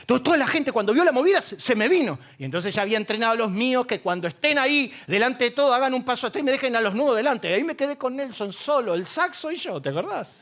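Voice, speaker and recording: Pastor argentino de voz muy aguda. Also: male voice, very high voice, very animated, fast, few pauses, a bit bright. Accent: Rioplatense Spanish. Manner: humorous, storytelling, asks the congregation questions. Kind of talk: sermon.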